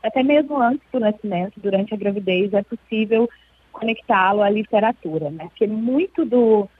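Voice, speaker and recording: A woman guest in an interview, explaining at length in a measured way with frequent hesitations. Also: medium pitch, slightly rough, no echo. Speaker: interview guest, children's book club representative. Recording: thin phone-line sound.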